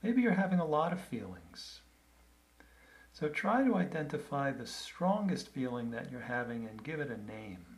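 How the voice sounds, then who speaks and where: A man leading a guided meditation in a calm, gentle, unhurried way, with long pauses between phrases. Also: medium pitch.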